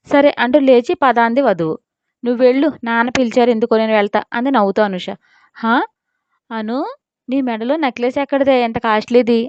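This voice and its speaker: A woman's voice: a little high, clear, resonant tone, dry recording, dull audio. A woman narrating a scripted audio story and voicing all the characters herself.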